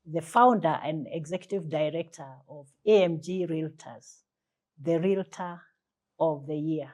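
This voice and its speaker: A woman's voice: sits low, measured pace, a little mellow. A Kenyan woman hosting an interview, encouraging the guest with short affirmations and finishing his sentences. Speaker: interview host. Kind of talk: conversational interview.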